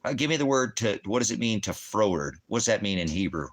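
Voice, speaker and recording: A man with a lowish, sing-song voice keeps up a quick pace. He's a ministry teacher livestreaming rambling Bible teaching from home near a fireplace, talking to commenters bluntly and challengingly and often answering the questions he asks.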